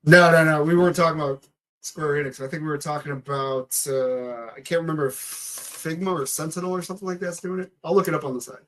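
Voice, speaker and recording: A man's voice: a little high, quick pace, fairly bright tone, a little hiss or hum, low-quality recording. A man co-hosting a podcast, chatting casually and a little unsure of the details. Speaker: podcast co-host. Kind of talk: casual chat.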